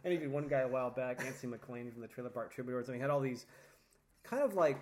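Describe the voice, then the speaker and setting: A man's voice: medium pitch, quick pace, a little mellow. Easygoing male podcast host. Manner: easygoing, chuckling interviewer. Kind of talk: casual interview chat.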